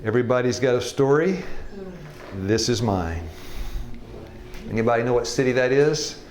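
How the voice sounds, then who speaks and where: This health evangelism teacher in his sixties speaks at a moderate, animated pace in a mid-range, darkish voice. He jokes and laughs his way through a folksy personal testimony before a live class, and the room sounds roomy.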